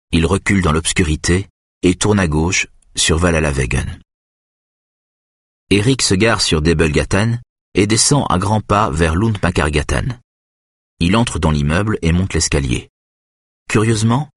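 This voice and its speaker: A man reading a thriller audiobook in a measured, steady present-tense narration. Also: sits low, breathy edge, no room sound, clean studio sound.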